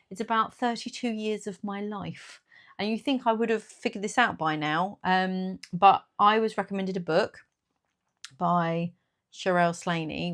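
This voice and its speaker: A woman in her forties who runs a small business, chatting casually and rambling in her own studio vlog, laughing at herself. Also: mid-range voice. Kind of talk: casual chat.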